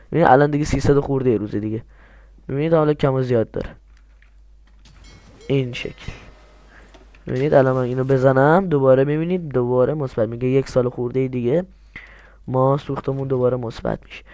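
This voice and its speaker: A young man hosts a screen-recorded tutorial on a strategy game, explaining step by step and answering the questions he puts to himself. His warm voice has a medium pitch and fairly even intonation, and he pauses often.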